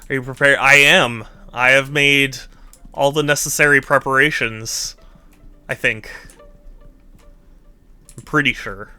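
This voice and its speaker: Playful guy streamer chatting with chat, bright punchy voice, animated, teases people a bit. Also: mid-range voice, a little slow, long pauses, clean tone, no echo, faint music behind. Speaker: video game live streamer. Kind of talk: casual chat with viewers while gaming.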